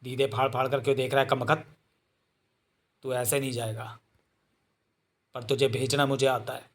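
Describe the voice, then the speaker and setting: A man's voice: medium pitch, flat delivery, moderate pace, lightly acted. A man voicing a hot-tempered young man who snaps curt, harsh commands. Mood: irritated.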